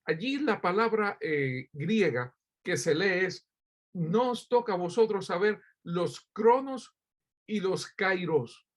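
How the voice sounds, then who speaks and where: A man's voice: high-pitched, lively intonation, slow. A man from Cuba preaching a sermon as pastor, addressing listeners directly with rhetorical questions and frequent hesitant fillers.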